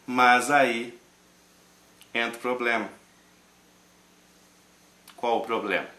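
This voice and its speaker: Animated Brazilian preacher, bright echoey voice. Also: male voice, mid-range voice, takes it slowly. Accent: Brazilian Portuguese. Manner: animated, joking, swings between loud and hushed. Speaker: pastor and show host. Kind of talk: casual sermon-style commentary.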